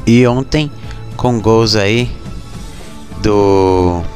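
A Brazilian man hosting casual football news, speaking haltingly with frequent mid-sentence pauses. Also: on the low side, a little mellow, soft background music. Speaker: sports show host.

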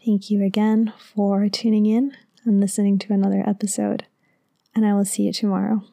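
A woman podcast host reading a script in a soft, soothing, half-whispered sleep-story narration. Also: medium pitch, level tone, brisk, creaky.

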